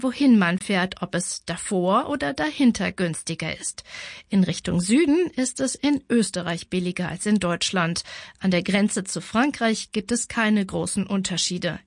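A woman's voice: mid-range voice, no room sound, studio quality. A woman reading a scripted news report in a matter-of-fact way.

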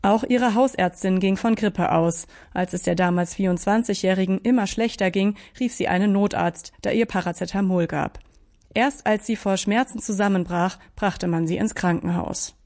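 A woman reads a scripted radio news report at a calm, measured pace. Her voice sits at a middle pitch.

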